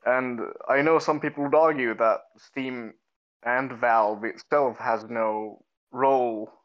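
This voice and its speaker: A man chatting casually on a gaming podcast, relaxed and a little wry. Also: medium pitch. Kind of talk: casual chat. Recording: dull lo-fi mic.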